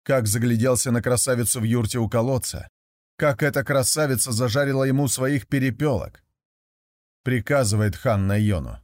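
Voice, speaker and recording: A man narrating a folk tale in a measured storytelling manner. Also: medium pitch, a little mellow, no room sound, studio quality.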